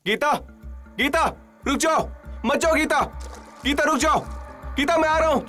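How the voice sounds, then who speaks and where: A man's voice: medium pitch, animated, a little slow, natural voice. An actor dubbing a lovesick young man who calls out dramatically and broods over a story's ending. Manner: dramatic, pleading cries. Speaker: dubbed film character. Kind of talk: Hindi film dubbing. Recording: film soundtrack with faint music.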